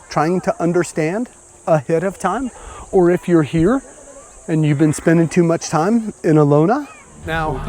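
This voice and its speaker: A man's voice: fairly high pitch, darkish tone. A man vlogging a casual walking tour of a budget island resort, talking in an enthusiastic, chatty way, recorded outdoors with music playing behind him. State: out of breath. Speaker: travel vlogger.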